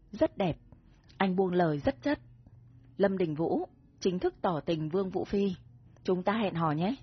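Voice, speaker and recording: A woman narrating a romance audiobook in an even, steady storytelling manner with a husky voice. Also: medium pitch. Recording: dull recording with soft music.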